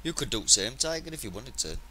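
A man's voice: medium pitch, expressive, quick pace, sharp tone, slight background noise. A man hosting a casual gaming live stream, chatting with a friend and joking as he thanks new followers.

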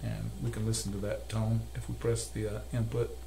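Here an older technician narrates a step-by-step calibration tutorial from his workbench amid a cluttered electronics shop. He speaks at a moderate pace in a low, creaky voice with little pitch movement, over noisy room sound.

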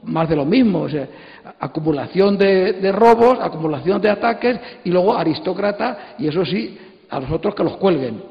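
Holding a handheld mic on an auditorium stage, a man in his sixties from Spain addresses an audience in an animated, informal lecture. He has a high voice with vocal fry and a Castilian accent, and as a panelist he explains emphatically, wanders off topic and repeats phrases. The hall PA makes the sound echoey and dull.

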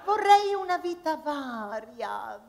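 A woman's voice: high-pitched, big pitch swings, slow, creaky, darkish tone, slight background noise, pitched above the performer's own voice, exaggerated voice. Woman playing a clucking hen who craves stardom. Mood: defiant, comic. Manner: clucking, comic sing-song rhyming delivery. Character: restless hen who dreams of being an actress. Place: stage in a hall before an audience. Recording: live hall with long reverb.

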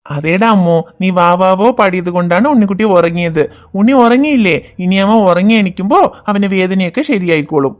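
A performer voicing a patient cartoon father who calmly reassures his children and explains things to them. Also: medium pitch, brisk, natural voice. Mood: gentle. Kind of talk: cartoon voice acting.

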